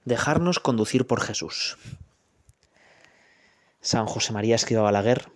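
A priest delivers a homily in a chatty, personal manner, tossing out rhetorical questions and short checks with his listeners. His voice sits at an ordinary male pitch. The recording is close and dry, with no room sound. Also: measured pace, no room sound. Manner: conversational, rhetorical questions with frequent "¿eh?" and "pues".

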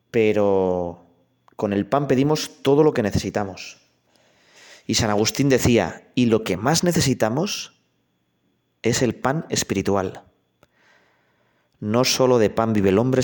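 A priest preaching a conversational sermon, speaking directly to the listener with questions and anecdotes. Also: male voice, lowish voice, unhurried, long pauses, a little mellow.

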